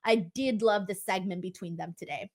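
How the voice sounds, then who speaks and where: A woman host giving casual, animated wrestling commentary in an emphatic, conversational way. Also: medium pitch, moderate pace. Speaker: wrestling talk show host.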